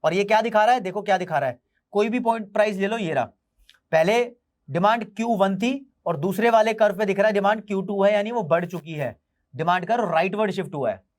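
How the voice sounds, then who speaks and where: A man teaching an online economics class, repeating key English terms slowly for his students. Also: high-pitched. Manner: mixes Hindi with English terms.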